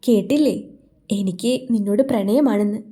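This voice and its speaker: A woman's voice: medium pitch, normal speed, mellow, natural voice. A woman doing a tender young hero. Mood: gentle.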